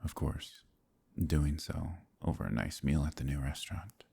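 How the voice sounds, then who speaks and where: At normal speed and in full character, a man gives a deep, husky voice to a gentle, troubled werewolf in romantic fantasy ASMR. His hesitant, soft-spoken lines use formal, old-fashioned phrasing, and his mood is warm and courting.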